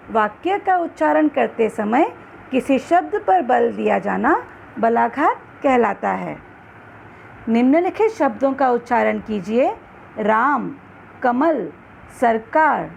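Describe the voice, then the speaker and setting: A woman reading a scripted grammar lesson, slowly and carefully, stressing each example word. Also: sits high, creaky, a little mellow, slight background noise. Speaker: teacher.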